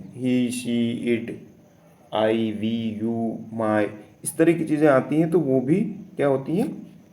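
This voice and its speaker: A man teaching, slowly and patiently explaining English test answers step by step, with frequent fillers. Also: mid-range voice, warm tone.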